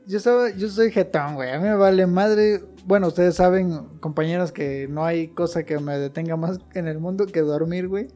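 A man's voice: high-pitched, moderate pace, few pauses, dark tone. A young man with a Mexican Spanish accent, telling a slangy anecdote through laughs in casual chat. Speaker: podcast co-host.

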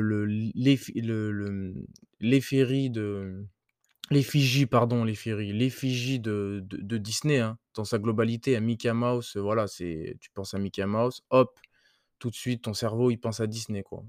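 A man hosts a casual motivational podcast, talking straight to the listener in loose, slangy speech full of fillers, restarts and the odd curse. His voice sits at an ordinary middle pitch, and the recording is dry and close with no room sound. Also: clear, resonant tone, dry recording. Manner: hesitant, many fillers and restarts, crude slang. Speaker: podcast host.

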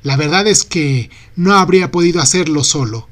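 A man reading aloud and voicing a brusque young male sailor who shouts orders and curses at the helm. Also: fairly high pitch, moderate pace, lightly acted. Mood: relieved, explaining.

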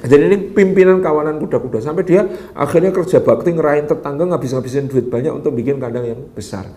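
A man tells a sermon story, his voice sitting a bit high for a man. He is animated, jumping into the voices of his characters and letting his phrases sink to a soft murmur at the end. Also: fast. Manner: animated storyteller who acts out quoted voices and drops soft at phrase ends. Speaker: preacher.

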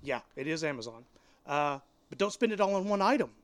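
Male podcast co-host, higher voice, upbeat giveaway announcer, dry mic. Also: very animated, fairly quick, no room sound. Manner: upbeat, reads out giveaway details. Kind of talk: casual podcast chat.

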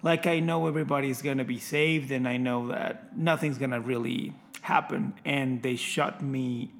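A young man co-hosting a casual film podcast, talking in an animated, emphatic way. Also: medium pitch, moderate pace, creaky. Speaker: podcast co-host.

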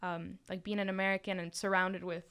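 A woman's voice: lowish voice, flat delivery, fairly quick, a bit bright, smooth. A young woman from Miami talking casually on a podcast as a student club leader, chatty and full of fillers. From Miami, Florida. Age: young adult. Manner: chatty, with many fillers and restarts.

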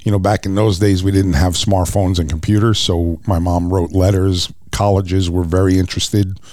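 A man's voice: deep voice, moderate pace, no room sound, studio quality. A middle-aged man, a former professional wrestler, giving an earnest personal testimony as a guest in an interview. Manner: earnest storyteller, lively when retelling.

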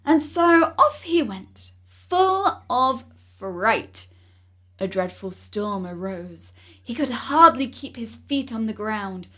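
A woman reading a fairy tale aloud in an expressive storytelling manner. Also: a little high, slow.

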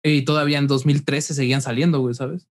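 A man's voice: medium pitch, fairly even intonation, fast. A young man with a Mexican accent, co-hosting a podcast in casual, slang-heavy chat. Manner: slangy, says "güey" constantly. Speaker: podcast co-host.

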